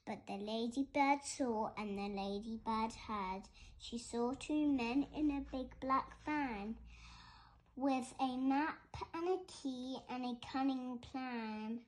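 Woman teacher, story reader at assembly, unhurried, lively telling, slightly high voice. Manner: expressive storytelling with animal noises, some stumbles and restarts. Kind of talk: reading a picture book aloud at a school assembly.

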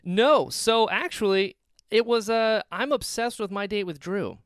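Born in North Carolina and raised in Florida, this man hosts a podcast from his Florida home. His high-pitched, smooth voice moves at a measured pace on a dry recording, and the casual interview chat is playful and full of laughter.

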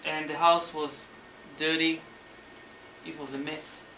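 A man lecturing on history as a story, animated and sometimes searching for words, acting out the quotes. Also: a little high, slow. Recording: roomy hall, mic at a distance, faint noise.

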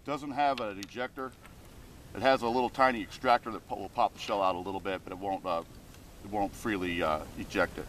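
A man's voice: on the low side, steady tone, fairly quick, background noise. A middle-aged man demonstrating a firearm at an outdoor range, explaining in a plain, matter-of-fact way with frequent ums, recorded on a camera mic. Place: outdoor shooting range in open field. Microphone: camera mic on tripod.

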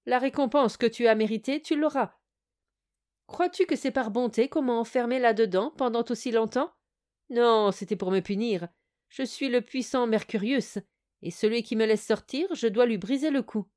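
A woman's voice: fairly high pitch, normal speed, a little mellow, close to an everyday voice. A woman voicing a boastful, tricky male bottle spirit in an audio fairy tale, with a thin, pleading voice that can turn menacing. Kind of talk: storybook audio reading.

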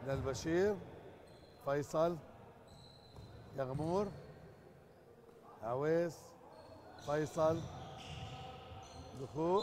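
A man with a Jordanian Arabic accent doing live basketball commentary from an indoor gym. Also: on the high side. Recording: noisy indoor sports hall. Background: clear gym noise, bouncing basketball.

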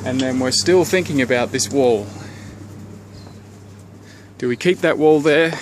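Strolling around the outside of his house, under the deck and into the garden, a man plans renovations aloud at a leisurely pace, with frequent ums and restarts. He's medium-pitched, recording on a handheld camera he carries, and there's some background noise.

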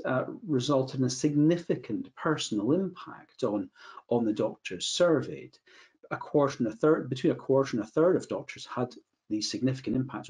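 Middle-aged Scottish male adviser, measured webinar talk over video call, restarts phrases. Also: mid-range voice, darkish tone. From Scotland. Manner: measured, repeats words when restarting phrases. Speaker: medico-legal adviser. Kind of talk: webinar presentation. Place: indoor room, video call.

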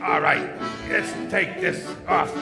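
Male ventriloquist host, highish voice, showman patter, echoey theatre with long reverb. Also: fairly even intonation, takes it slowly, creaky, over loud music. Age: middle-aged. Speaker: comedian ventriloquist. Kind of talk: live stage comedy patter. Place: large theatre stage.

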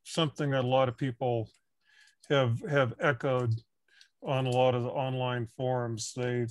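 A man in his sixties chatting casually on a headset, with halting, thoughtful phrasing. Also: medium pitch, flat delivery, dry recording. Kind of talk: casual discussion. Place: home workshop on a video call.

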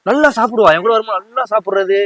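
A man with a Tamil accent, talking in hidden-camera prank banter on a park bench outdoors, complaining and ranting loudly. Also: sits high, very fast, slight background noise. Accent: Tamil Nadu.

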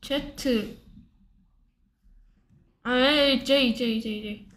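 A student with a bright, high voice sounds out English words letter by letter. She goes very slowly and hesitantly, often stalling between sounds. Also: steady tone.

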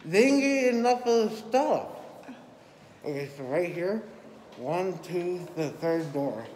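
A man's voice: high-pitched, expressive, takes it slowly, a little mellow. Man, twenties, groggy post-surgery, gauze-muffled, rambling, repetitive, casual vlog, slightly noisy phone audio. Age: 20s. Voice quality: muffled, mouth stuffed with gauze. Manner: groggy, rambling, repeating himself. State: groggy just after wisdom tooth surgery. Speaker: vlogger, military crew chief. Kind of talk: casual handheld vlog chat. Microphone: phone at arm's length. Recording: noisy handheld phone recording.

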